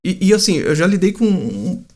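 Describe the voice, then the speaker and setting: An English teacher with a Brazilian Portuguese accent, talking casually to camera in an animated way and acting out what students think. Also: mid-range voice, normal speed. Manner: animated, acts out students' inner voices.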